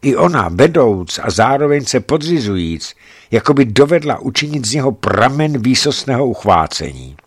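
A man narrating a novel aloud in a measured literary reading. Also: mid-range voice, sing-song, husky, no room sound, clean studio sound. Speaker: audiobook narrator.

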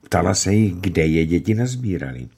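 Husky low-voiced male storyteller. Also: big pitch swings. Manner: warm, storytelling address to children. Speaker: narrator. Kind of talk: storybook reading for children.

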